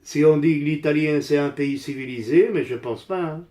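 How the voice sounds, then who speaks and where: An older Italian man, an amateur DIY vlogger, speaks French with an Italian accent in a fairly high, mellow voice at a moderate pace. He rambles casually and bluntly while doing repairs, repeating phrases for emphasis, and the room gives a roomy echo.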